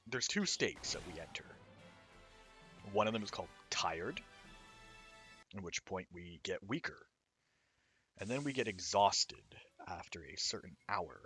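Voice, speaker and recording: Hoarse man, deep voice, bright edge, rambling game commentary. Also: animated, a little slow, long pauses, soft background music. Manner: rambling, explanatory, casual. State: hoarse, raw throat. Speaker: indie game developer. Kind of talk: let's-play commentary.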